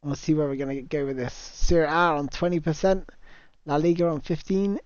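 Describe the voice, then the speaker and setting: A man's voice: a little high, fairly even intonation, a little fast, darkish tone, smooth, no room sound. A man hosting a casual game livestream, chatting and reading out viewer comments on a new microphone. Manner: chatty, reads out viewer comments, laughs easily. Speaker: livestream host. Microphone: new cheap microphone. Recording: dull, dry lo-fi mic.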